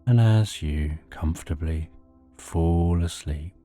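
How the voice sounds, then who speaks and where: A man narrating a sleep story as a slow, soothing, hushed guided relaxation, with soft music and rain behind him. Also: low voice. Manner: soothing, unhurried, hushed delivery.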